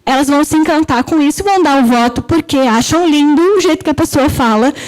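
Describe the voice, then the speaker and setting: A woman's voice: sits high, quick pace, poor audio. A woman with a Brazilian Portuguese accent giving a conversational lecture, often checking in with "né?". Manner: conversational, frequent "né?" and "tá?" check-ins. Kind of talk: lecture on political speaking.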